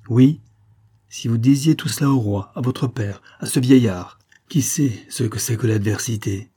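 A man's voice: mid-range voice, mellow, husky, lightly acted. A man reading an audiobook, voicing a bitter old former prisoner who urges and accuses with sombre energy. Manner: insistent, sombre and urgent.

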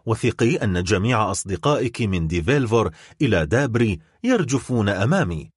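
A man's voice: lowish voice, sing-song, brisk, husky, no echo, clean studio sound. A man reading as a bitter, accusing baron. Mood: angry. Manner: stern and accusing. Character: scheming wealthy middle-aged baron, cold and bitter.

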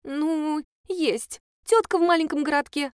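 A woman voicing a plump, nosy female accountant who speaks in a shrill, flustered and indignant way. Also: a little slow, dry recording, clean studio sound.

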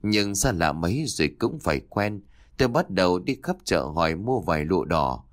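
A man narrating a first-person spooky story in a measured, expressive way. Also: deep voice, dry recording, clean studio sound.

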